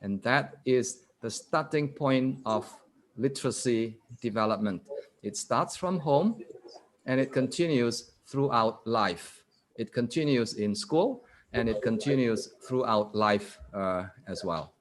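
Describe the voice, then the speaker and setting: Over a video call, a guest lecturer with a medium-pitched voice keeps his online audience engaged by quizzing them. Statements get read aloud at a slow pace and then repeated.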